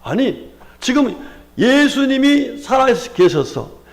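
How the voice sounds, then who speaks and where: A man's voice: very high voice, big pitch swings, slow pace, vocal fry. A male pastor with a Chungcheong accent preaching a Sunday sermon, asking the congregation rhetorical questions and often calling out hallelujah. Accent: Chungcheong Korean. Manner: frequent exclamations of hallelujah.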